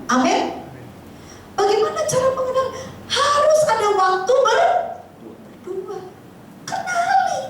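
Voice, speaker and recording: A woman pastor, preaching in a lively, chatty way and often addressing the congregation. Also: very high voice, slight background noise. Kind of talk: sermon. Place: church hall. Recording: echoey hall, distant mic.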